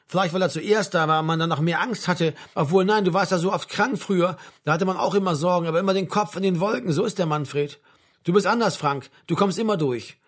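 A man's voice: high voice, fairly quick. A man reading a novel aloud, voicing a tired, blunt middle-aged mother who scolds her grown son. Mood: tired, tender. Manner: scolding, tired, sharp-tongued. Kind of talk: audiobook character voice.

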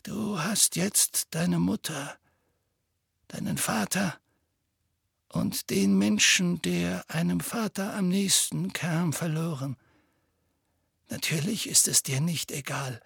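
Old male wizard as a man reads him, calm, firm, slow, gravelly, storybook reading. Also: high voice, dry recording, studio quality, voice pushed up, full character voice. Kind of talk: audiobook reading.

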